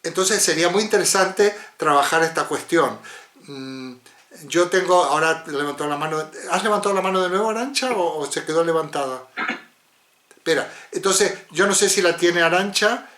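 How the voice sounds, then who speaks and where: A man's voice: on the high side, normal speed, a bit bright. A man moderating a philosophy seminar over a video call, talking in a discursive way and often ending with tag questions. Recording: roomy echo.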